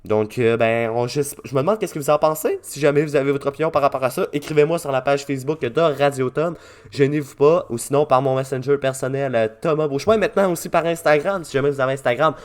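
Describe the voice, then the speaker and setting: A man's voice: medium pitch, fast. A man with a Québécois French accent hosting a radio show, talking casually with many fillers and restarts. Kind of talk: casual radio talk and interview.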